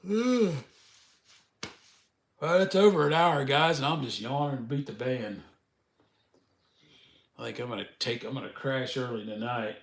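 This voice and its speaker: A man's voice: medium pitch, unhurried, long pauses, reverberant. A man hosting a casual live stream, chatting in a folksy way with the viewers and laughing often.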